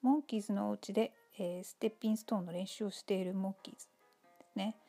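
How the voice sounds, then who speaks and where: Chatty woman commentator, gravelly low-key voice, lots of little fillers, faint music behind. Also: fast talker. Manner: relaxed, many fillers, polite chatty tone. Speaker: episode commentator. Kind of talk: casual spoken commentary.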